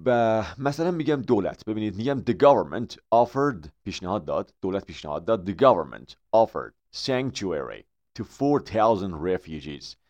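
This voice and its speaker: A man with a Persian accent teaching English vocabulary in an online lesson. He explains in quick bursts, then slows down to model each English phrase. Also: deep voice, a little mellow.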